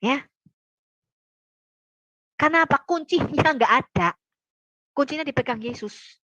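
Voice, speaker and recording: A high-voiced woman teaching the Bible in casual talk, blunt and joking, acting out the disciples' lines in shifting voices. The recording is dry and a little dull. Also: animated, measured pace, pushed and bright, no echo. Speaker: preacher.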